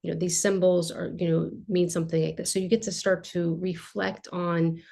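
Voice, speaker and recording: Speaking over a webcam from her shelf-lined home art studio, a thirtysomething art therapist explains what she does in a relaxed video-call interview. Her voice sits low with vocal fry and moves at a normal speed, and she talks animatedly, using her hands and lots of filler words.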